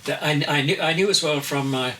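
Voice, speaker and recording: An elderly artist in his eighties gives reflective interview answers, pausing often and choosing each word with care. His voice is bright, and he sits back from the microphone. A faint hiss runs underneath. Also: a little high. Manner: slow, deliberate, searching for words. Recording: distant mic with faint noise.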